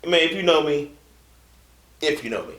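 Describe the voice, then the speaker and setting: A man's voice: on the high side, lively intonation, normal speed, a bit bright. A young man co-hosting a casual fitness chat, talking in a laid-back, loose way with trailing fillers. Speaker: co-host. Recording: echoey room.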